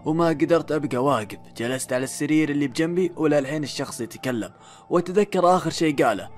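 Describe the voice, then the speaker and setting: A man narrating a first-person horror story, building suspense with dramatic pauses and questions to himself. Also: on the high side, a little mellow. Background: faint background music.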